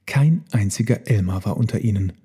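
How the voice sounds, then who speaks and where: Husky man reading a children's story. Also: on the low side, a little fast, dark tone. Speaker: narrator.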